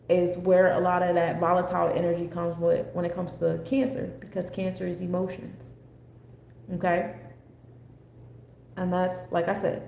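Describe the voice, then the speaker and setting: Talking through an astrology forecast, this American woman keeps things casual and off-the-cuff, drifting conversationally from point to point. She has a lowish, slightly mellow voice with vocal fry. Faint background noise and an echo fill the room.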